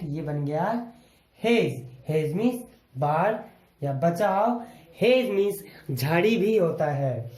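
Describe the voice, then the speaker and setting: A male teacher talks through a lesson at an unhurried, deliberate pace, spelling each word out letter by letter before he says it. He goes over every rule more than once, patiently. The recording has a roomy, echoey sound. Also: high-pitched, darkish tone. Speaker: English teacher. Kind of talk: explaining a lesson to viewers.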